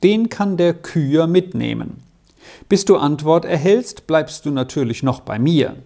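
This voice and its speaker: A storybook reader voicing a kindly, cheerful adult male alpine herdsman who reassures gently. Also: mid-range voice, lively intonation, unhurried, gravelly. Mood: eager. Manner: warm reassuring, gently persuasive. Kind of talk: storybook reading.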